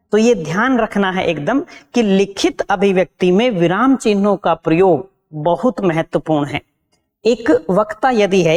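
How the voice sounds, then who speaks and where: A woman's voice: medium pitch, darkish tone. A woman teaching an exam-prep lesson. She repeats key terms and asks her students rhetorical questions.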